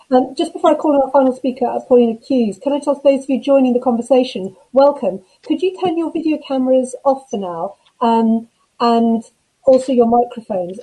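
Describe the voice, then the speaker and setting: A woman moderating an online panel, brisk and directive with the audience. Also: fairly high pitch, warm tone, slightly rough, low-quality recording. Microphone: video call.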